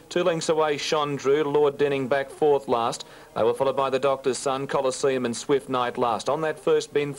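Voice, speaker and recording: Australian man calling a horse race. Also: low-quality recording. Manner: rapid, rhythmic listing of runners, rising in pitch toward the finish. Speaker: race caller.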